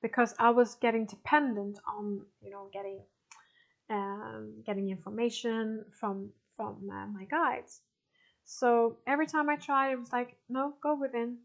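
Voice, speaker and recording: A woman in her forties with a slightly high voice talks loosely to a group of participants. She often trails off and restarts, laughing softly now and then. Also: fairly even intonation, unhurried, creaky. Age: 40s. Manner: hesitant, many restarts and soft laughs. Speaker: spiritual teacher answering participant questions. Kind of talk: casual talk to an online group.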